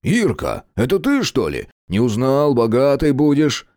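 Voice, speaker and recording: Audiobook: male reader as a loud joker of a friend, animated, dry close sound. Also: medium pitch, a little slow, no echo, pitched above the performer's own voice. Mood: bantering. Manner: theatrical, bantering. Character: brash joking male friend, crude charmer.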